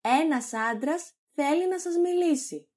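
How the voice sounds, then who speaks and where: A cheeky servant woman, blunt and teasing, voiced by a woman reading aloud. Her husky voice sits fairly high and moves a lot. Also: very animated, warm tone. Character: cheeky, outspoken female servant.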